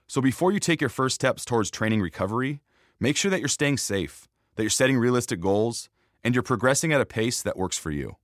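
A man's voice: mid-range voice, no echo, studio quality. A man hosting a fitness podcast as a trainer, reading scripted narration.

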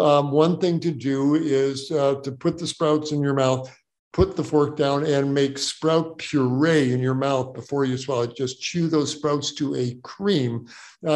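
A man's voice: a little high, a little slow, darkish tone. An older man, a doctor, answering audience questions in a casual, joking way, often repeating words as he explains. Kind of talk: casual Q&A advice.

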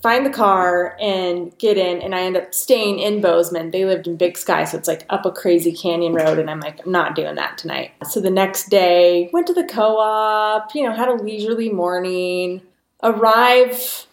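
A woman's voice: fairly low pitch, moderate pace. A woman telling a story as a guest in casual chat, acting out quoted voices with lots of laughter. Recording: roomy echo.

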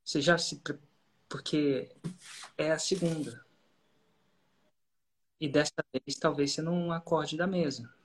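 Animated Brazilian storyteller. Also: mid-range voice, unhurried, long pauses. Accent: Brazilian Portuguese. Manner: animated, acts out quoted dialogue, frequent "cara". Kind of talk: casual conversational storytelling.

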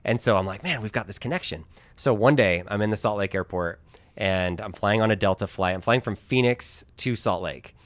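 A man hosting a casual interview, telling stories with lively acted-out quotes. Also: on the low side, fairly quick, dry recording. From Philippines. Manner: animated storyteller, acts out quotes. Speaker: host.

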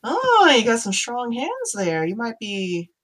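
A woman's voice: a little high, huge pitch swings, a little slow, a bit bright, voice pushed up, exaggerated voice. Woman putting on a drawling Southern half-orc woman. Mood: folksy. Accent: American Southern. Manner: friendly, folksy, drawling.

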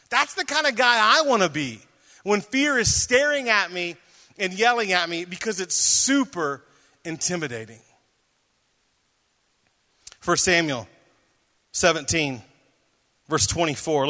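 Male pastor, sermon, high bright tone, animated delivery, reverberant hall. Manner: animated preaching, reads scripture aloud and jokes with the audience.

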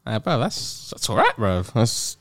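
A man's voice: mid-range voice, big pitch swings, measured pace, fairly bright tone, dry recording, clean studio sound. A man with a London roadman accent chatting casually in heavy street slang, often ending on tag questions. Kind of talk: casual podcast chat.

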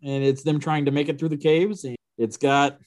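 A man's voice: fairly high pitch, flat delivery, moderate pace, darkish tone. A man co-hosting a movie podcast, talking casually and self-deprecatingly about films. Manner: self-deprecating, laughs easily. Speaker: podcast co-host. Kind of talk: casual chat.

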